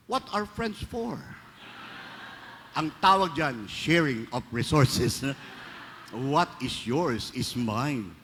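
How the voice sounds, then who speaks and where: Here a male priest with a Filipino accent tells stories and cracks jokes in a sermon that switches between Filipino and English. He sits high in his range with a bright, pushed sound and a breathy edge. The recording echoes through a big church hall with faint ambience.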